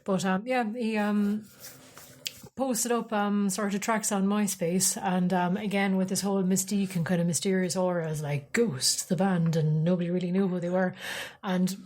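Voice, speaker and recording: An Irish woman talks as a podcast co-host in a casual discussion. Her Irish accent comes with a chatty, explanatory manner that is happy to swear. Her voice sits at a middling pitch. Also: steady tone, normal speed, darkish tone. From Ireland.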